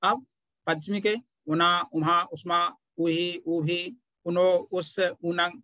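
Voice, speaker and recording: A man teaching a Pali grammar class, explaining patiently and pausing often to point things out. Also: high voice, flat delivery, bright, forceful tone, no echo. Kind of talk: online grammar lesson.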